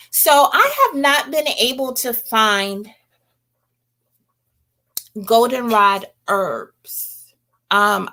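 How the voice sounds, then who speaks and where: Hosting a livestream about home herbalism, this middle-aged woman keeps things informal, responding to viewers' comments as she goes. Her voice is medium in pitch, creaky, pushed, and bright.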